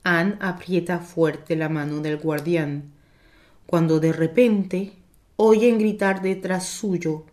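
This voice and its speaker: A woman tells a children's story in a measured, clearly paced way. Her voice sits a little low, and she takes her time over every phrase. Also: a little mellow. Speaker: narrator. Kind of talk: storybook narration.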